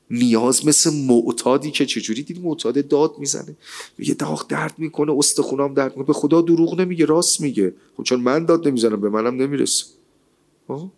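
A man giving a lively, colloquial sermon, asking rhetorical questions and reciting scripture. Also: medium pitch. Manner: rhetorical, animated, quotes scripture. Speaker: religious speaker.

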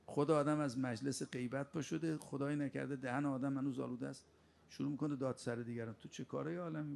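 Gravelly-voiced man preaching a sermon. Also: mid-range voice. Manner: rebuking, with sharp rhetorical questions.

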